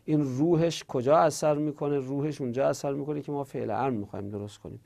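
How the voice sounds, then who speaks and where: A man with a gravelly, dark-toned voice lectures on verb conjugation. He talks through the rules patiently, pausing with fillers, then reels off whole tables of forms in quick drilled runs. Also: medium pitch. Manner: explains patiently with filler pauses. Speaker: Arabic grammar teacher.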